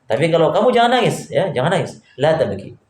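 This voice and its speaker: A man's voice: fairly high pitch, sing-song, fast talker, a little mellow. Man teaching grammar in an echoey classroom. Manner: quizzes students and repeats answers. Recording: echoey room, faint background hum.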